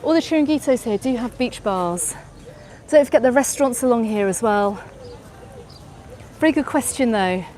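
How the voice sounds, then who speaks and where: An English travel vlogger, a middle-aged woman with an English accent, walks a busy beach promenade at dusk on a live stream, touring and answering viewers as she moves. Her voice sits on the high side and is mellow and expressive, at a normal speed. Behind her are crowd chatter and passing traffic.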